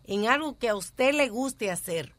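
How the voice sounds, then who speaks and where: A woman in casual radio banter, calmly giving advice and mixing in English. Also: a little high, a little slow, heavy background noise.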